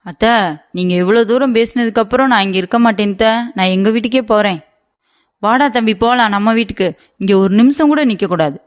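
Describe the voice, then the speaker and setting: A woman's voice: on the high side, brisk, natural voice. A woman voicing a sulky, demanding young wife in a cartoon comedy, pleading and whiny.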